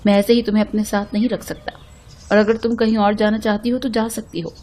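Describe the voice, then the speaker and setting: A woman voicing a calm, sorrowful wealthy young man in a spoken story, reading his lines in a quiet, steady, unhurried way. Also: mid-range voice, a little hiss or hum, natural voice.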